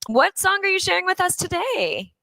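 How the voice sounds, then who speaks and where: A woman with a bright, forceful tone hosts a live stream over a video call, praising her guest and asking eager follow-up questions. Her voice sounds close and dry, with no room echo. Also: very high-pitched, very animated, moderate pace, gravelly. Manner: bubbly, encouraging interviewer. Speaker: host. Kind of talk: live online show interview.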